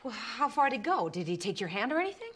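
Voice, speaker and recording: An actress playing a weary, jealous middle-aged woman who stammers nervously and swings from hushed to agitated. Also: fairly high pitch, very animated, fast. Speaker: actor in a film scene. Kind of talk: naturalistic film acting.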